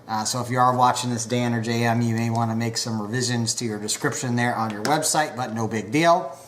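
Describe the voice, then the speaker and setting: Still slightly congested from a recent cold, a man takes his time reviewing pipe tobacco, pausing often with fillers. He has a fairly bright, steady, mid-range voice, and there's a bit of hiss or hum.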